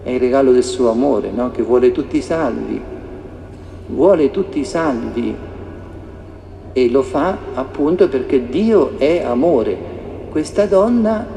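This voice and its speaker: A man's voice: on the high side, dark tone, a little hiss or hum. A man preaching a sermon with passion, asking rhetorical questions again and again. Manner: impassioned, repeats rhetorical questions. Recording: echoey hall reverb, faint ambience.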